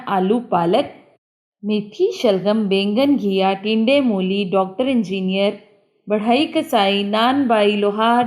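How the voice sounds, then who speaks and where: A woman, working through a textbook exercise as a teacher and reading word lists aloud clearly and deliberately. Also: mid-range voice.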